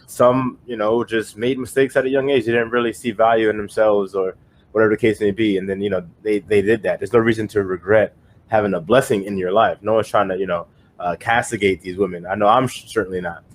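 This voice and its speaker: A young man with a fairly low voice co-hosts a casual podcast. He muses out loud, circling back with "you know" and restarting his sentences as he talks through his views. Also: steady tone, brisk, a little hiss or hum. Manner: rambling, many fillers and restarts. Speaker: podcast co-host. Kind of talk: casual opinion chat.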